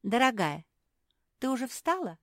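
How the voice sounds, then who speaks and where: A woman's voice: on the high side, big pitch swings, measured pace, no room sound, clean studio sound, pitched above the performer's own voice. A woman plays a bossy older sister dog in a storybook. She grumbles and scolds with a fussing edge. The tone is practical and stern.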